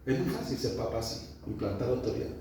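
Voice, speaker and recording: A man's voice: mid-range voice, expressive, fast talker, dark tone, slight background noise. Echoey, far-off male preacher. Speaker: pastor. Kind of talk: sermon. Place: church hall. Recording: echoey church hall from far off.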